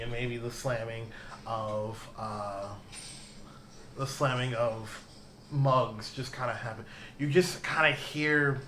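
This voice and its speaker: A man's voice: medium pitch, bright, forceful tone, echoey room, slight background noise. A man running a tabletop game as game master, narrating loosely with many fillers.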